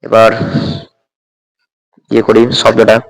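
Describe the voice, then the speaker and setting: A man gives a slow, patient Quran reading lesson, sounding out each letter and vowel mark before drawing the whole word out in recitation. His delivery stays level and flat in pitch, with little rise or fall. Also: long reverb tail, low-quality recording. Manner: spells out Arabic letters and vowel marks slowly, then drawn-out recitation; patient, checks understanding with repeated "okay?".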